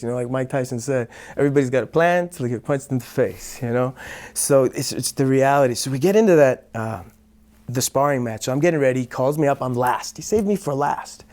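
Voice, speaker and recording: A man in his thirties, a martial arts teacher, telling a lively story as an interview guest. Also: medium pitch. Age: 30s. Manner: lively, builds up the tension of the story. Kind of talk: animated storytelling.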